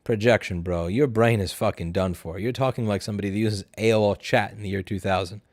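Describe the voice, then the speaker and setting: A man's voice: lowish voice, fairly even intonation, fast talker, no echo. A drunk man hosting a casual livestream Q&A, reading out viewer messages and answering them in a blunt, profane, argumentative way. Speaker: livestream host.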